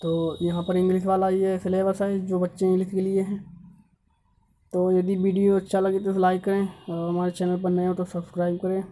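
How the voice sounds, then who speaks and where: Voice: medium pitch, completely flat delivery, fairly quick, dark tone. A teacher on a video channel reads out an exam syllabus topic by topic and stops to point out mistakes in it. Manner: lists topics one by one, stopping to correct errors. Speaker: YouTube teacher.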